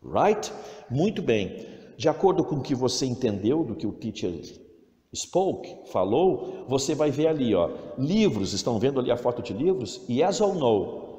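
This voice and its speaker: A man's voice: medium pitch, very animated. A middle-aged man with a Brazilian Portuguese accent teaching a recorded English lesson to children, patient and encouraging. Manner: patient, encouraging, reads English sentences slowly and loudly. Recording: roomy echo, long reverb.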